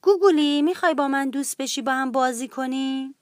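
A small, lonely young creature, voiced by a woman, speaks sweetly and simply, like a child. The high voice is recorded dry and close. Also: darkish tone, no room sound, natural voice. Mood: childlike. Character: lonely little young storybook creature seeking friends.

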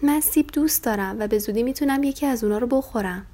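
A woman voicing a timid, easily frightened little male lamb in a children's story, speaking in a slow, small, childlike voice. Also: fairly high pitch, dark tone, pitched above the performer's own voice, natural voice. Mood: reassured.

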